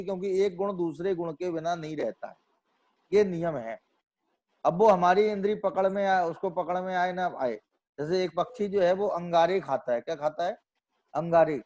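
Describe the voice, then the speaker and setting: In an explanatory religious lecture, a male Jain scholar with a slightly higher, darkish voice works through scripture. He answers his own rhetorical questions and keeps repeating and restating phrases as he thinks aloud.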